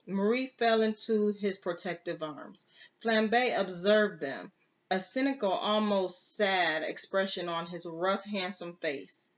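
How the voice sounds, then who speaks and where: A reader works through a novel aloud at an unhurried pace. The reading stumbles now and then with fillers and restarts and breaks off for chatty asides. The recording is dull and lo-fi. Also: medium pitch. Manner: slow, halting, with fillers and self-corrections. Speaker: storybook reader.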